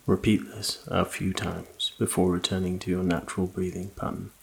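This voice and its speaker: A man with a deep, creaky voice narrates a bedtime sleep story. His delivery is soft, slow and soothing, with very even intonation. Rain patters behind him over faint noise. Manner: slow, calm, hushed, relaxing delivery. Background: rain ambience.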